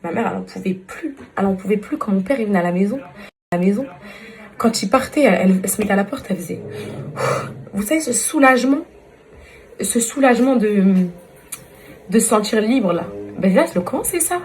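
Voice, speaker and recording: A woman's voice: mid-range voice, animated, brisk, long pauses, darkish tone. A woman talking casually to her followers in a vlog, venting in a repetitive, exasperated way and walking through a beauty routine. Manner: exasperated, venting, repeats herself; chatty beauty tutorial. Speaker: social media influencer.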